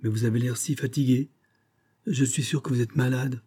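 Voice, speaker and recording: A man's voice: mid-range voice, steady tone, normal speed, breathy edge, pitched above the performer's own voice, lightly acted. A man voicing an anxious, kindly young woman who gossips and fusses over her friend, in an audiobook reading. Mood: tender concern. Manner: fretful gossiping, gently fussing.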